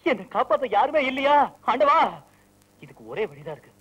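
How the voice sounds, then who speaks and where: An actor playing a flustered middle-aged husband who whines and pleads in an old Tamil film scene. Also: male voice, very high-pitched, sing-song, a little fast, fairly bright tone, slightly rough, highs cut off, full character voice. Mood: desperate. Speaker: yoga teacher's husband. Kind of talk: 1990s Tamil film dialogue.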